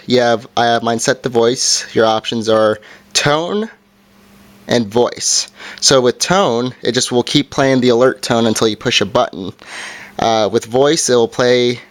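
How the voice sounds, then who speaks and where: A man with a medium-pitched voice gives a casual, hands-on product review, speaking haltingly and correcting himself along the way.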